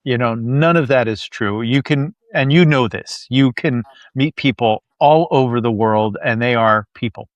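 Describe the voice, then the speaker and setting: A man's voice: mid-range voice, a little slow, hardly any pauses, no echo. A man hosting an interview podcast, earnest and conversational, repeating points for emphasis. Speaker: podcast host.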